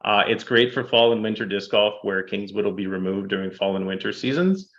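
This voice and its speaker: A man presenting statistics to a city council, steady and fact-heavy, with frequent ums. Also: lowish voice, fairly quick, muffled recording. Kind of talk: public presentation. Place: council chamber.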